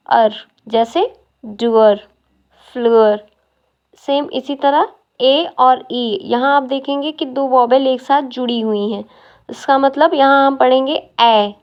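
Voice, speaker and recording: A woman's voice: high-pitched, dull audio. A woman teaching a phonetics lesson, explaining step by step and asking questions as she goes.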